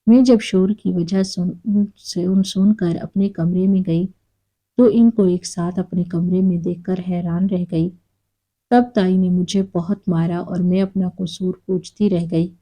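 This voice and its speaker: Dark, mellow woman storyteller. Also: lowish voice. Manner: calm, steady reading. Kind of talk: first-person story narration.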